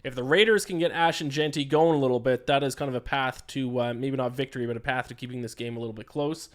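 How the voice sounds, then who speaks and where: A man's voice: mid-range voice, quick pace. A tired young man hosting a casual solo sports betting podcast. He rambles and gets distracted, with frequent "uh" and "um" fillers. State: tired, yawning.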